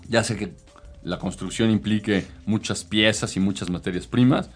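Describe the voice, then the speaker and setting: A man's voice: on the low side, fairly even intonation, normal speed, faint music behind. A man, a consultant, explaining business ideas in casual chat, with many hesitations and fillers.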